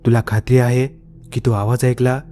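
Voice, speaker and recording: A man voicing an older, seasoned police head constable who speaks gravely and gives stern orders. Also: mid-range voice, flat delivery, normal speed, faint music behind, close to an everyday voice. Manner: quiet then commanding.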